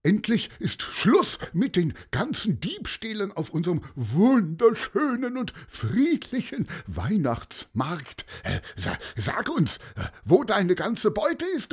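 A man voicing a spiteful, loud cotton-candy seller who accuses a child with mocking laughs. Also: sits high, huge pitch swings, slow pace, slightly rough, voice pushed up, heavily acted. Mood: gloating.

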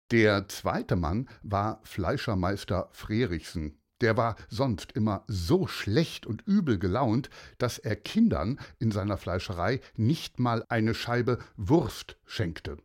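A man narrating a children's story with playful, expressive emphasis. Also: fairly low pitch.

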